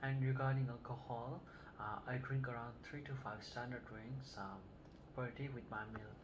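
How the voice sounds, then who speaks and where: A woman playing an older Vietnamese-born male patient who answers in a halting, hesitant way in a scripted health assessment role-play. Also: rumbling low, steady tone, dull audio. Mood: calm. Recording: noticeable background noise.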